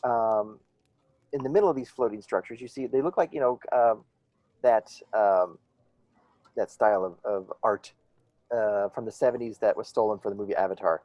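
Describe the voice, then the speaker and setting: A man's voice: fairly low pitch, normal speed, darkish tone, dry recording, lo-fi sound. A man narrating as game master, rambling with many fillers and restarts.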